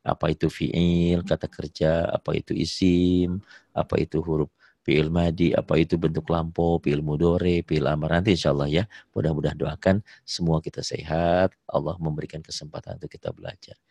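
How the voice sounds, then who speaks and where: A man teaching Quran reading in an online lesson, patiently modelling the recitation with drawn-out vowels. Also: rumbling low, level tone, creaky, mellow, dry recording. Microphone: video call.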